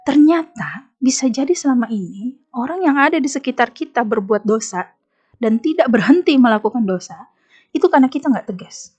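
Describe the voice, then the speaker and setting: With a fairly high, slightly rough voice and a somewhat quick pace, a woman with an Indonesian accent appears as a guest on an Islamic women's talk show. She tells stories in an emphatic, animated way, acting out the quotes, and the recording has a lo-fi sound.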